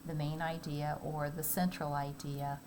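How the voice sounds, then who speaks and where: Slow-reading woman teacher. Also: sits low, flat delivery, noisy background. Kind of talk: read-aloud storytelling.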